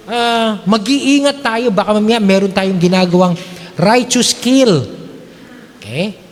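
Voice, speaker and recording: A male pastor delivers a sermon in a slightly high voice, his words ringing out with a long reverb in a church hall. He keeps it conversational, often checking in with his listeners, and slides easily between Tagalog and English.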